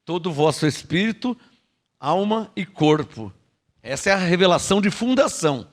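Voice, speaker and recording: A man with a Brazilian Portuguese accent preaching a sermon, teaching with rhetorical questions and having the congregation repeat his phrases. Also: sits high. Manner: lively, frequent rhetorical questions and laughs.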